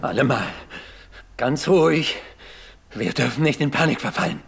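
A level-headed but tense fugitive in a horror game. His pitch is medium, with clear background noise. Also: expressive, normal speed. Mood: urgent, controlled. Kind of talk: horror video game acting.

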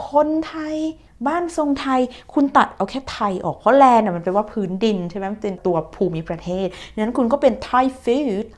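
A woman teaching an online English lesson, chatty and encouraging, talking straight to her students with playful, teasing asides. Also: mid-range voice.

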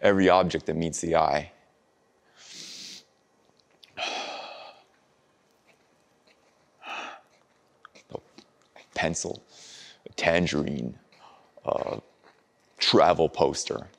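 A brooding, heartbroken man muses on love in a stage monologue, played by an actor. His voice sits extremely low and gravelly, with a flat, restrained delivery. He talks slowly and pauses often, sometimes sinking to a near whisper. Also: heavily acted. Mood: anguished. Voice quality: very deep gravelly voice. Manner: slow, pausing, drops to near whispers.

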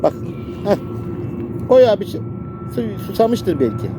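A man talking tenderly to a rescued stray kitten at night, coaxing it in soft baby talk, recorded on a phone outdoors with loud music playing over him. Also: high voice, big pitch swings, a little slow, noisy background. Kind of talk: casual affectionate talk to an animal.

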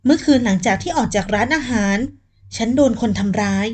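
A woman narrating a romance novel audiobook in a steady storytelling voice. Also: on the high side, fairly quick, husky.

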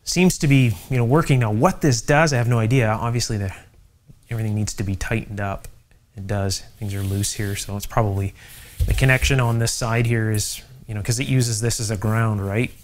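A man's voice: lowish voice, steady tone, a little fast. A middle-aged man hosting an electronics channel, thinking aloud with many fillers as he demonstrates an old device in a home workshop. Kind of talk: casual workbench demonstration.

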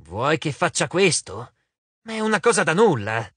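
A man voicing a vain, touchy giant spider woman for a storybook, with shrill, shrieking outbursts. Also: big pitch swings, normal speed, a bit bright, slightly rough, no echo, heavily acted. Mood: haughty.

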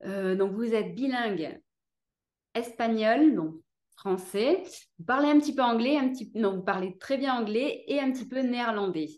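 A woman's voice: on the high side, moderate pace, darkish tone, echoey room. A woman in her thirties hosting an interview over a video call, talking in a chatty way with many fillers. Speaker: host, interviewer. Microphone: webcam on a video call.

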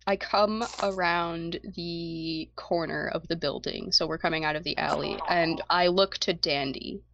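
A woman's voice: lowish voice, fairly even intonation, unhurried, gravelly, fairly bright tone, highs cut off, slight background noise. A woman playing a tabletop game, talking through her character's choices in a playful way. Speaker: player. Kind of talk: tabletop role-play chat.

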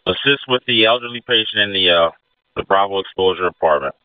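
Male fire commander on radio, talks fast, clean dry voice, brisk orders. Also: sits low, clean tone, no room sound. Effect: two-way radio. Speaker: incident commander. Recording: narrow phone-like radio channel.

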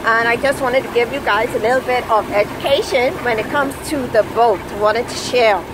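A woman's voice: on the high side, moderate pace. A woman chatting casually as she films a sailing vlog from the deck of a sailboat, explaining things with many fillers. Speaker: sailing vlogger. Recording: windy outdoor phone recording. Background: wind and water noise.

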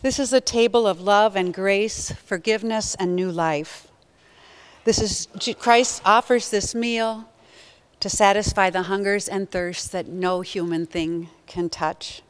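A woman's voice: mid-range voice, fairly even intonation, clear, resonant tone. Solemn woman leading communion prayers. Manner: slow, solemn, prayerful reading. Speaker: pastor. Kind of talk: communion liturgy. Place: church sanctuary at the front.

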